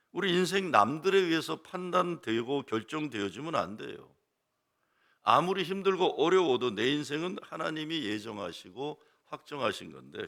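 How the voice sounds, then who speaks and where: An older man preaches a Sunday sermon, his voice gravelly with fry and sharply bright. He moves through a wide, animated pitch range. He keeps prodding the congregation with rhetorical questions. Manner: lively preaching cadence. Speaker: pastor.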